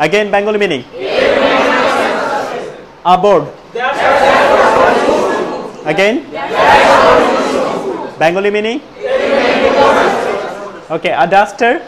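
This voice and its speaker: Guy teaching english to a full class, high voice, keeps saying again? and drawing out example sentences, loud crowd noise all around. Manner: drills a class with repeated prompts, slows right down to model sentences. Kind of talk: classroom lesson with call-and-response drills. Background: students answering in chorus.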